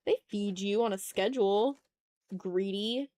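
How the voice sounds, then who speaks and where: A woman hosts an art livestream, chatting casually as she draws and muttering informally and self-critically, half to herself and half to viewers. Her mid-range voice is unhurried and dark in tone, with no echo.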